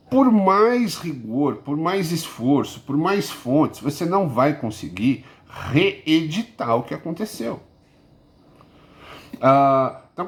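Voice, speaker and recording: A man's voice: on the high side, slight background noise. A man from Brazil teaching a history lesson in a casual, rambling way, with many fillers and restarts and emphatic peaks. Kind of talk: informal recorded lesson.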